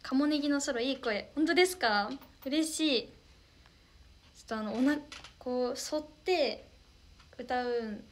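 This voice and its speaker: Bubbly young woman on a livestream, kinda high voice, reads comments, says thanks a lot, faint hiss behind. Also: unhurried, long pauses. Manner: bubbly and polite, thanking viewers often. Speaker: idol livestream host. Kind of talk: casual livestream chat reading viewer comments.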